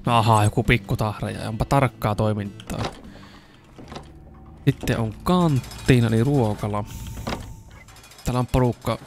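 A young man with a Finnish accent giving casual let's-play commentary, swearing and yelling whenever the game turns dangerous. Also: on the low side, pauses often, soft background music. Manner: excitable, swears and yells when in danger. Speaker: gaming YouTuber.

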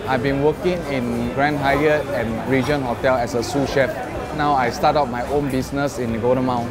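A man's voice: medium pitch, fairly even intonation, normal speed, a loud crowd. A man in his thirties with a Singaporean English accent, a hawker chef talking in a plain, earnest way in a casual interview at his food stall. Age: 30s. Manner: plain, earnest, simple broken phrasing. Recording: music bed under voice.

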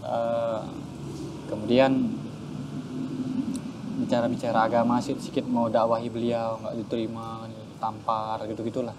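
A man, a guest telling a personal story in an animated way, often repeating words. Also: medium pitch, moderate pace, long pauses. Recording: steady background noise.

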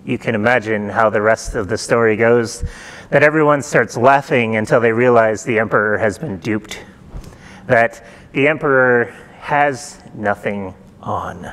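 A middle-aged man preaching a sermon in a church, retelling a folktale in a relaxed, conversational way and asking the congregation questions. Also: medium pitch, unhurried. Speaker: pastor. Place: church sanctuary.

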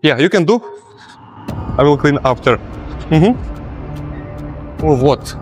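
A young man's voice, on the high side with lively intonation and a darkish tone, comes through slowly as he poses as a cleaner. It's a hidden-camera prank in a large indoor gym with music in the background, and he constantly apologizes and giggles in broken English.

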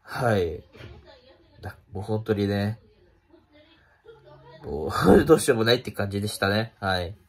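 A young man with a stuffy, congested nose and nasal sound, talking casually and haltingly to camera as a vlogger. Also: on the low side, animated. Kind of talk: casual spoken commentary to camera. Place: small room at home, indoors.

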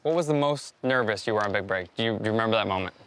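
Bright upbeat man hosting a golf challenge. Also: fairly low pitch, racing. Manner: upbeat, explaining and cheering. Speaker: host running the challenge. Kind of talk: casual golf vlog chat. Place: outdoors on a golf course.

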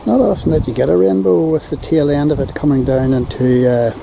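A Northern Irish man giving slow, chatty commentary with wry asides while filming outdoors on a windy hillside. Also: fairly high pitch, gravelly, low-quality recording. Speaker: vlogger filming the view. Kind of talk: casual handheld commentary. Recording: loud wind noise on camera mic.

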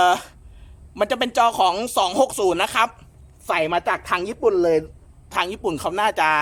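A man showing jet skis for sale in a chatty, polite way, often pausing with fillers and correcting himself. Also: sits high, bright, forceful tone. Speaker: jet ski shop salesman. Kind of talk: casual sales walkthrough.

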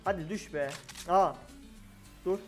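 A young man giving live commentary on his own gameplay, excitable and talking to himself and his opponents. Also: high-pitched, slow. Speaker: gaming streamer. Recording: game music and gunfire behind. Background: game music and gunshots.

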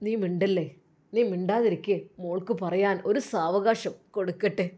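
A woman voicing a gentle, loving middle-aged father in a storybook tale, speaking softly and soothingly. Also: medium pitch, steady tone, moderate pace, voice pushed down, natural voice. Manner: soft, soothing, tender.

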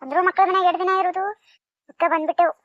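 A woman's voice: very high-pitched, fairly even intonation, quick pace, a bit bright, no echo. Woman doing a fussing, worried mother. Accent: North Karnataka Kannada. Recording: dry, dull lo-fi sound.

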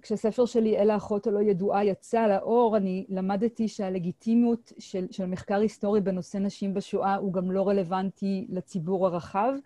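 A middle-aged woman lectures on her historical research at an online seminar. She talks hesitantly, often pausing on filler sounds and restarting phrases. Her voice is warm and mellow, and the sound is dry and close through a video call mic. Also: medium pitch, little pitch movement, no room sound. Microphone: computer mic on a video call.

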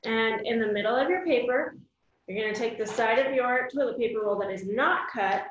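This American woman in her thirties hosts a kids' craft video from a small room at home, explaining each step simply and plainly across a table. Her voice is on the high side and fairly quick. The sound is roomy and dull, with a little background noise.

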